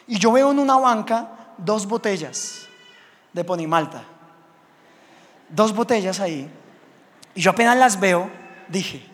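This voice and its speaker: A man preaching a sermon as a pastor, telling stories in an animated way with sound effects. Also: sits high, a little slow, pauses often. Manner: animated storytelling, acts out scenes with sound effects. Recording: long hall reverb.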